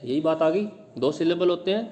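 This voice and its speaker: A man teaching literary terms, explaining patiently and repeating example words slowly to show where the stress falls. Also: on the high side, expressive, warm tone.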